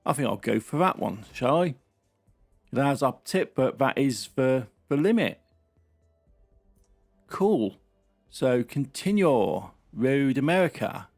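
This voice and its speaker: A man's voice: medium pitch, big pitch swings, slow pace, gravelly, long pauses, darkish tone, soft background music. A man giving casual, chatty running commentary while playing a racing game. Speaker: gaming channel host.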